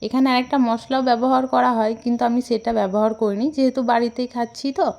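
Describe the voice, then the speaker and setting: A woman's voice: a little high, steady tone, fast talker, creaky, darkish tone. A woman with a West Bengali accent narrating a home recipe as a voice-over, explaining plainly step by step. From West Bengal, India. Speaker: home cook presenting a recipe.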